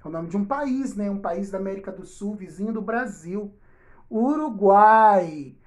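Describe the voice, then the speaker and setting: A woman teacher gives a recorded video lesson for young pupils, slowly drawing out example words and checking in often with her class. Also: mid-range voice, darkish tone. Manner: slow, drawn-out spelling of example words. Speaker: schoolteacher. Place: home or classroom, projecting slides on a wall.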